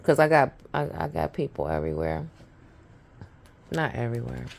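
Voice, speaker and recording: This thirtysomething vlogger from Brooklyn, New York, rambles through a family tale on camera, laughing frequently. She speaks at normal speed in a rumbling low, sing-song voice touched with vocal fry.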